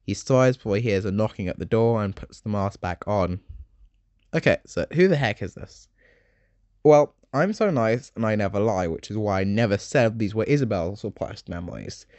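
A young man in his late teens narrating a game summary, with a lowish voice that swings through a lively, animated pitch range. He is chatty and slips in dark-humored jokes. The recording is close and dry. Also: moderate pace, dry recording, muffled recording. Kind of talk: video essay narration.

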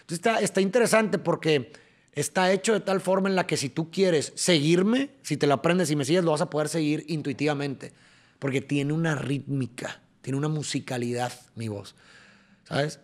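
A young man with a Mexican accent, a podcast guest explaining things in a casual, animated way, sometimes tapping out rhythms. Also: on the high side, moderate pace.

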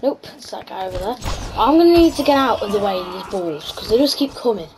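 A woman's voice: mid-range voice, expressive, quick pace, crowd noise. A woman giving chatty, casual gameplay commentary as host, reacting aloud to the game. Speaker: gaming video host. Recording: music behind the voice. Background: background music.

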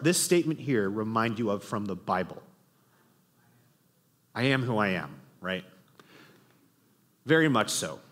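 A teacher with a long room reverb. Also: male voice, lowish voice, a bit bright. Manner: reads aloud, poses questions, frequent ums. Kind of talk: classroom literature lesson.

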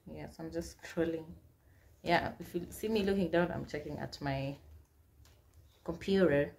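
Her voice is low, gravelly and darkish, with a bit of hiss or hum in the recording, and she keeps a measured pace. She's a young Kenyan woman in her twenties and a YouTuber, chatting through a casual Q&A vlog by reading get-to-know-me questions and answering them with Swahili phrases mixed in. She's seated against a plain wall in a small indoor room, speaking with a Kenyan accent.

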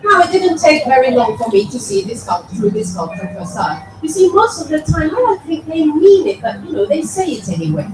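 High-voiced woman reading to an audience. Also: a little fast, hardly any pauses, noisy background. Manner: lively and expressive, with dramatic quoted lines. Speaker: author reading her own work. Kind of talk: live book reading to an audience. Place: event venue with an audience. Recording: echoey room from a distance, clear music behind.

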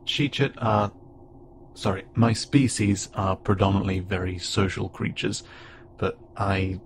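Speaking straight to the listener, a man plays a low-voiced, insect-like alien pilot, gentle and awkward, who describes himself as a loner. He sounds worried and unsure, halting and stammering with self-doubt, and the recording is clearly noisy with ambient sound behind him.

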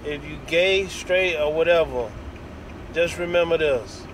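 Holding his phone at arm's length inside a vehicle cab that may be parked or moving, this middle-aged American vlogger swears his way through a casual, blunt rant. He speaks unhurriedly in a voice on the high side. It's a rough phone recording where vehicle noise is obvious and the car and AC hum steadily.

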